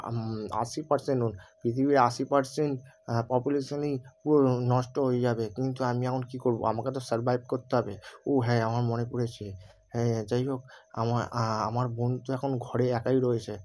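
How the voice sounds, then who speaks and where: A man voicing a brash young male hero who lectures and scolds in a fast, bossy way. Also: medium pitch, a little mellow, natural voice. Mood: worried.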